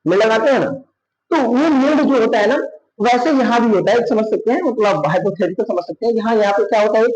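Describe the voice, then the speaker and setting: A man's voice: high-pitched, brisk, a little mellow, muffled recording. A man with a Bihari Hindi accent teaching a science lesson, asking questions and answering them himself. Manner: repeats "thik hai" often. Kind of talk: classroom lesson. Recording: echoey room.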